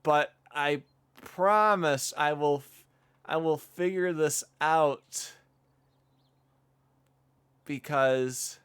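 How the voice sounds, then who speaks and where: A man's voice: fairly high pitch, drawn-out words, long pauses, a bit bright, smooth. A young man streaming as a vtuber, chatting casually while gaming, rambling with self-deprecating asides.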